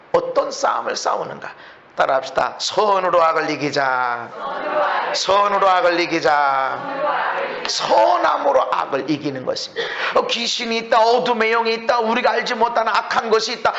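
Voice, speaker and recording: A man preaching a sermon as pastor in a church, swinging between hushed lines and shouting, with laughing asides. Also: high-pitched, gravelly, slight background noise. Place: church sanctuary. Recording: echoey church, muffled lo-fi.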